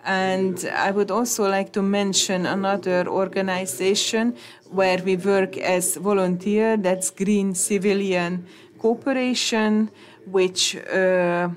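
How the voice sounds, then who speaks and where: A woman interpreting conference talks into English, halting, with many hesitations and restarts. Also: medium pitch, fairly even intonation.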